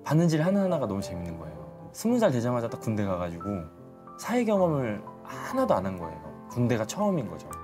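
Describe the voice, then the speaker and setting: A man's voice: mid-range voice, huge pitch swings, brisk. A man, a former career soldier turned tailor, telling his story as a talk show guest in an earnest, reflective way. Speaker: guest, tailor and shop owner. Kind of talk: casual interview. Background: music.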